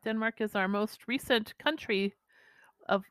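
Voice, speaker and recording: A woman co-hosting a podcast, chatty and bubbly, quick to laugh at herself. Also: fairly high pitch, fairly bright tone, clear, resonant tone, dry recording. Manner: chatty, bubbly, self-deprecating. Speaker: podcast co-host. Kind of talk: casual chat.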